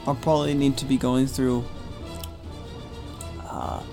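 A man's voice: medium pitch, flat delivery, takes it slowly, creaky. A man with a mid-range voice gives casual gameplay commentary as host. He talks in a rambling, conversational way, with faint music behind. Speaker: gaming channel host.

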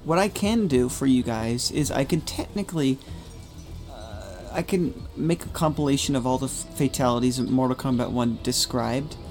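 A man's voice: mid-range voice, normal speed, darkish tone, faint music behind. A man hosting a gaming video with casual, rambling, conversational commentary. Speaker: gaming channel host.

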